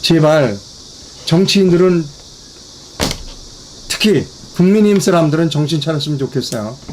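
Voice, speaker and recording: A man's voice: fairly high pitch, expressive, moderate pace, a little mellow, slight background noise. A man hosting a political commentary broadcast in Korean, talking emphatically, repeating key phrases and addressing his viewers directly. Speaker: commentary channel host.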